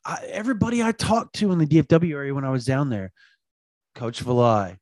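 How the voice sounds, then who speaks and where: A man who covers college football recruiting, talking in an animated, rambling way and repeating himself for emphasis. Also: on the high side, rapid-fire, no echo. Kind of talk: sports talk, casual chat.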